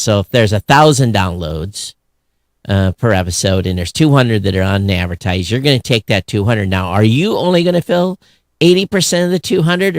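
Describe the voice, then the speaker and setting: A man with a lowish voice hosts a podcast, captured dry at studio quality. His talk is casual and emphatic, and he often performs both halves of a hypothetical back-and-forth.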